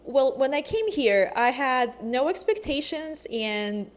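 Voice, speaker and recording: A woman's voice: sits high, expressive, slow pace. Chatty young woman. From Russia. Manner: chatty, with frequent hesitations and ums. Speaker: vlogger. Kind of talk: casual chat to camera.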